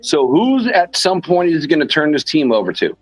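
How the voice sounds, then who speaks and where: A man's voice: on the high side, sing-song, normal speed, no room sound, faint music behind, rough recording. An older man on a casual podcast panel who rambles and repeats himself for emphasis.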